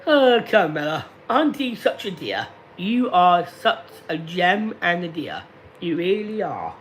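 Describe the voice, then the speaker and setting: A man in his late thirties talking slowly and deliberately to viewers on a casual live stream, repeating himself often. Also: sits high, big pitch swings, a bit bright, slight background noise. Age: 30s. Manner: slow, deliberate and repetitive. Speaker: livestreamer.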